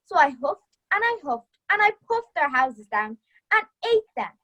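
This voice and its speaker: A woman's voice: sits high, big pitch swings, moderate pace, bright, forceful tone, exaggerated voice, poor audio. A woman voicing a grumpy, bullying older male wolf with a menacing, scornful, growling manner in a youth theatre storybook reading. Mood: gruff, boastful.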